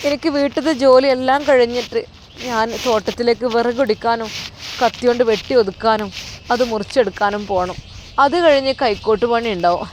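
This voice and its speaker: An earnest, hardworking young woman, played by a woman narrator, with a Malappuram Malayalam accent. She insists in a somewhat high voice. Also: slight background noise, close to an everyday voice.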